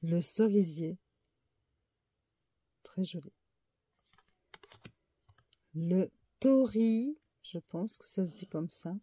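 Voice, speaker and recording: Lady going thru an oracle deck real slow, kinda low husky voice, calm card reading. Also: dry recording. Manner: calmly lists card names one by one, unsure of pronunciations.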